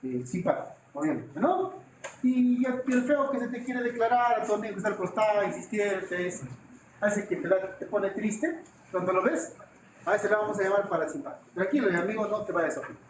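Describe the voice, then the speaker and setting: A man teaching an anatomy class, joking and quizzing his students with quick questions. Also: high-pitched, slight background noise. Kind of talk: classroom lecture with jokes. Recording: echoey classroom with faint ambience.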